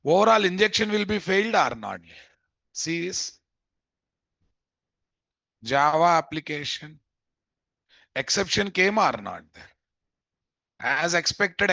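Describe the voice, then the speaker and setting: A man's voice: high voice, expressive, takes it slowly, vocal fry, long pauses, bright, forceful tone, dry recording, muffled recording. A man with a Telugu Indian accent teaching a live coding lesson as an informal instructor, repeating phrases and checking understanding with questions. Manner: informal, addresses learners familiarly. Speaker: programming instructor.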